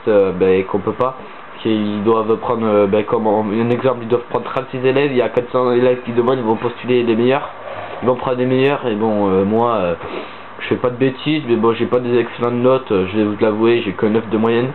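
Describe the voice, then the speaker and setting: A teenage gaming host from southern France, congested and sniffling with a cold, gives a rambling, hesitant voice-over in a steady, lowish voice at normal speed. The tinny, phone-like recording carries a faint hiss.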